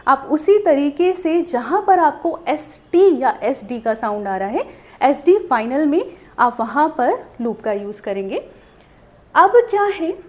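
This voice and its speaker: Woman, shorthand teacher, high voice, animated pitch, step-by-step explanations, questions and answers. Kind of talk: video lesson.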